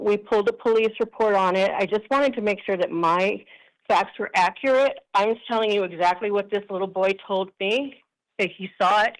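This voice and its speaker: A woman's voice: mid-range voice, rough recording. A woman calling in to a council meeting from a kitchen at work, telling a long story with emphasis as a resident giving public comment. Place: kitchen at her workplace. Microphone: phone or video call.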